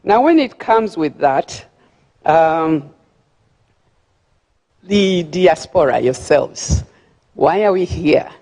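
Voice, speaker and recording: A woman's voice: low voice, expressive, very slow, long pauses, dark tone. An older woman with a Ugandan accent addresses a banquet crowd from a podium. She talks in a chatty, easygoing way and keeps stumbling over repeated words as she gathers her thoughts. Her voice rings out with a long reverb across a large hall. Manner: chatty, repeats words while searching for them, laughs at her own remarks. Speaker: guest speaker at a gala. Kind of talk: formal speech with friendly asides.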